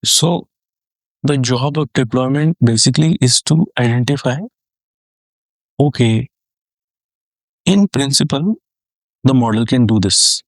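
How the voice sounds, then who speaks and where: A man in his thirties giving an explanatory tech talk, conversational with restarts and fillers, getting animated as he explains. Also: measured pace, long pauses, dry recording. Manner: animated, rising pitch when excited.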